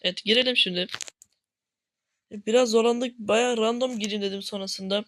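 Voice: mid-range voice, fairly even intonation, moderate pace, a little hiss or hum. A gaming channel host talking over gameplay at home, often frustrated, exclaiming and grumbling at teammates. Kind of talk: gameplay commentary.

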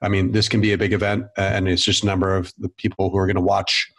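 Man, low voice, measured meetup host on a video call. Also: flat delivery, a bit bright. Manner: measured, explaining, checks in with "right?". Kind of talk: casual video-call discussion.

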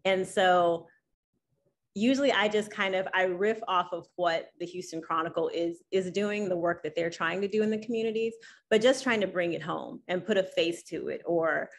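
A woman's voice: lowish voice, moderate pace. A woman answering questions as a panelist on a video call, thoughtful and reflective. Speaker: panelist, newspaper columnist.

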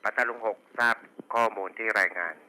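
A man's voice: on the low side, fairly even intonation, fairly quick, background noise. A man working as a police radio dispatcher, reading back station reports and call signs in formulaic procedure over a walkie talkie. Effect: two-way radio.

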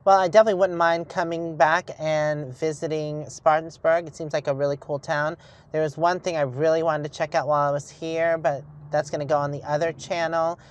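Behind the wheel of her moving RV, a middle-aged woman vlogger chats to herself and the camera about the road, her voice deep and her delivery flat and a little fast. The dash or handheld camera in the vehicle also picks up road noise.

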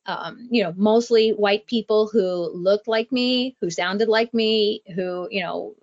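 Measured woman from Ohio, guest author. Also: medium pitch, muffled recording. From Columbus, Ohio. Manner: measured, friendly, deliberate. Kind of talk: interview conversation.

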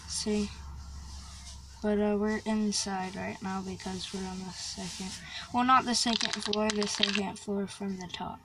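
Recorded off a phone screen, the same young Minecraft player casually narrates her map tour, hesitating with plenty of likes and ums. She speaks unhurriedly in a medium-pitched, level voice against a noisy background.

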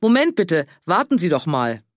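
A man voicing a fussy, anxious older man who pleads and frets in a high voice. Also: lively intonation, moderate pace, dry recording, clean studio sound. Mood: eager.

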